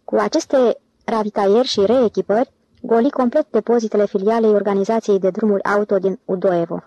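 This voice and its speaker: Brief: woman audiobook narrator, steady storyteller, mellow warm tone, dry close-miked sound. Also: mid-range voice, no room sound, highs cut off. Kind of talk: scripted narration.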